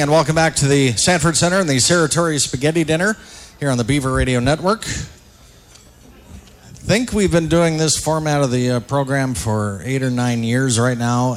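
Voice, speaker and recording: A man hosting a live radio broadcast from a dinner event, asking relaxed, chatty questions full of fillers. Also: mid-range voice. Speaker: radio play-by-play host. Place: large arena banquet hall.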